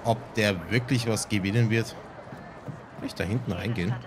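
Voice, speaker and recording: Crowd noise and game music surround a man with a fairly low voice speaking at normal speed. He's a let's play gamer, musing aloud and teasing himself while he plays.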